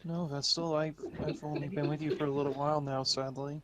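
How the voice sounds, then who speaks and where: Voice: medium pitch, level tone, a little fast, a loud crowd. A player chatting casually in a tabletop game, hesitating with fillers.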